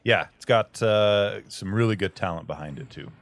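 A man's voice: lowish voice, moderate pace, dry recording. A man chatting casually as a panelist. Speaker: podcast panelist. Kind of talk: casual chat.

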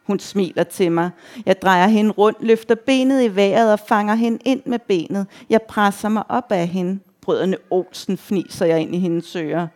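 Woman reading a vivid first-person story. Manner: measured reading, quoted shouts raised high and loud. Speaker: narrator.

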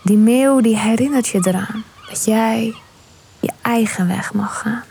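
A woman guiding a visualization meditation, speaking softly and soothingly and often slipping into a whisper. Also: on the high side, a little slow, creaky, a little hiss or hum. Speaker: meditation guide.

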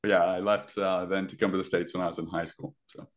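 A young man from Zimbabwe who grew up in Ireland speaks fast in a deep voice with a faint Irish accent. He chats casually and relaxed as a podcast guest, using lots of fillers.

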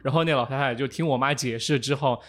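A man co-hosting a casual podcast chat, telling a childhood story in animated, halting fashion with many restarts. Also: mid-range voice. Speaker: podcast co-host.

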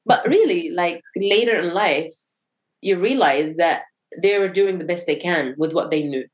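Podcast guest: young woman from Syria, reflective, halting, lowish voice. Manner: reflective, searching for words with many restarts. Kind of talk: casual conversation.

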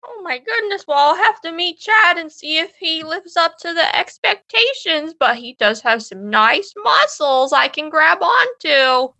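A woman's voice: extremely high pitch, animated, unhurried, vocal fry, few pauses, sharp tone, no echo, heavily acted. A woman voicing a cheeky, randy old grandmother, with a shaky, crackly voice in improv comedy.

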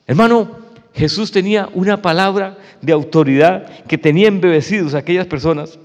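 High-voiced preacher in a reverberant hall. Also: male voice, fairly quick, lo-fi sound. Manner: addresses listeners as "hermano", emphatic and conversational. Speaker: pastor. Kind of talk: sermon.

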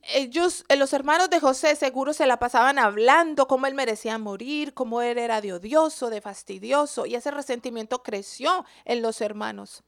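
Woman Bible teacher, sermon delivery, high voice with gravelly fry, quizzes the congregation. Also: moderate pace, hardly any pauses. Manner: asks the listeners questions.

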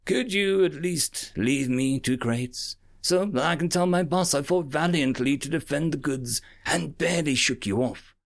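A man voicing a small female starship captain who speaks with a cool, almost robotic calm. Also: a little high, unhurried, gravelly, few pauses, pitched above the performer's own voice. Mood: coaxing.

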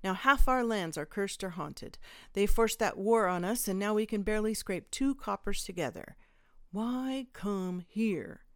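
A woman's voice: mid-range voice, lively intonation, a little slow, no room sound, clean studio sound. A woman voicing a drunk, bitter small-town mayor who rants with disgust and repeats himself. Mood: bitter ranting.

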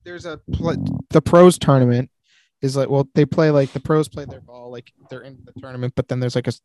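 A man's voice: medium pitch, fairly even intonation, a little fast, mellow, no room sound. A man co-hosting a sports podcast, talking casually with lots of fillers. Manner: casual, filler-heavy talk. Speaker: podcast co-host.

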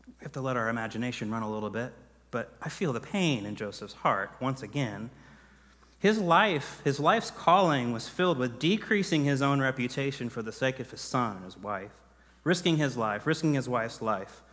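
A man preaching a sermon as pastor, earnest, building to emphatic peaks and then dropping quiet. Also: mid-range voice, animated, fairly quick, big-room sound.

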